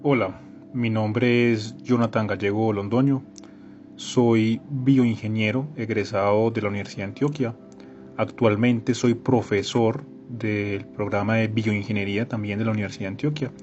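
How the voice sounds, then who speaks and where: A Colombian man introduces himself as a professor in a lowish, flat voice. The sound is slightly dull, with faint music behind. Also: moderate pace. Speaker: bioengineering professor. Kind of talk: self-introduction.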